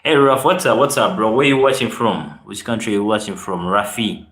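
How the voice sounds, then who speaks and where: A man's voice: on the low side, normal speed, fairly bright tone. A man from Uganda with a Ugandan accent, chatting casually on a live stream, greeting viewers and reading out their comments. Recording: roomy echo.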